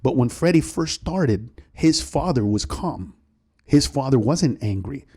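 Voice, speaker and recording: A middle-aged male comedian, a podcast guest, telling a story in a rapid, profane way and acting out the voices in it. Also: mid-range voice, animated, warm tone, slightly rough. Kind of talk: animated storytelling in a podcast chat.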